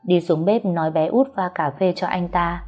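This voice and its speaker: A woman's voice: lowish voice, normal speed, darkish tone. Woman narrating a story over faint music. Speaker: audiobook narrator.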